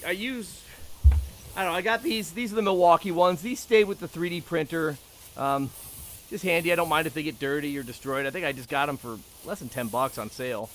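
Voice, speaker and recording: Higher-pitched man chatting about gear. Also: fairly bright tone, slight background noise. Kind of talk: casual chat about tools.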